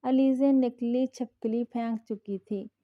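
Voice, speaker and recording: A woman reading a romance novel aloud as scripted narration, in a measured storytelling manner. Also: on the high side, fairly even intonation, narrow, tinny audio.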